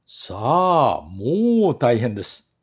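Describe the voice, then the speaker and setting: A man, a voice actor, reading a story aloud in measured, expressive narration. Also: mid-range voice, husky.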